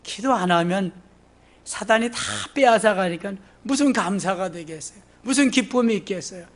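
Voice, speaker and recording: A pastor preaching a sermon. He tells scripture stories in plain, chatty speech, swings from loud exclamations to hushed asides, and calls out to the congregation for responses. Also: high voice, animated, normal speed. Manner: plain conversational storytelling of scripture.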